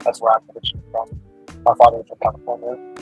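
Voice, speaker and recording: A man in his twenties introducing himself and answering interview questions casually, with hesitant pauses. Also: medium pitch, completely flat delivery, breathy edge, soft background music, low-quality recording. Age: 20s.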